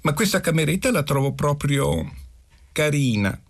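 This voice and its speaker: A man's voice: fairly high pitch, very animated, moderate pace, gravelly, voice pushed up, heavily acted. A man reading aloud, voicing a dramatic young male student who pleads and begs effusively. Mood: eager, polite. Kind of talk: literary radio reading.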